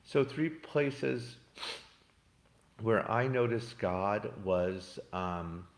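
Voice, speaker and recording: A soft-spoken priest guides listeners through a meditation and reflection, talking in a gentle, unhurried way with frequent pauses. His voice sits very low, and the sound rings around a reverberant room. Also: lively intonation, gravelly. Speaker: Jesuit priest leading daily meditation. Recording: echoey room.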